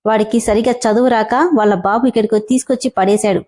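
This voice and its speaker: A woman's voice: on the high side, steady tone, fast talker, a little mellow, close to an everyday voice. A woman voicing a jealous, resentful male college student in a spoken storybook. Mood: bitter. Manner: bitter, scornful.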